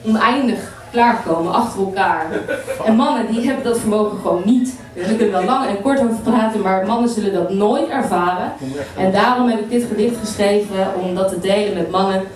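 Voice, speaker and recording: A woman performing an erotic spoken-word poem in a playful, rhythmic way at a live poetry night. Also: medium pitch. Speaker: performing poet. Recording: echoey room, mic from far off.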